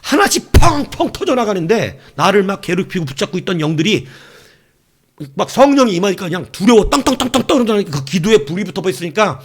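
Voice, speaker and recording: A man preaching a sermon, his voice gravelly and slightly high. He swings his pitch widely and acts out the devil's taunts with lively energy. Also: fast talker. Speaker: pastor.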